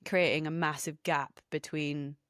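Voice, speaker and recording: A young woman chats as a podcast co-host, lively and questioning, often breaking into laughter. Her voice sits a little low for a woman. The sound is dry and close, with no room echo. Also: measured pace, smooth. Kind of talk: casual chat.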